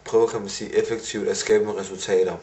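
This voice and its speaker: A man's voice: fairly low pitch, level tone, a little mellow. A young man recapping his day in a casual video diary, rambling and self-analytical with many fillers. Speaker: vlogger.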